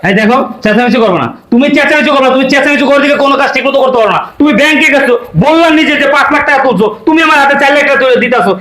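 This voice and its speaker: A man's voice: very high-pitched, racing, hardly any pauses, bright, forceful tone, reverberant. A man playing a suspicious husband who insistently accuses his wife in a comedy drama. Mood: accusing. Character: suspicious husband demanding missing money. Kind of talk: short comedy drama acting.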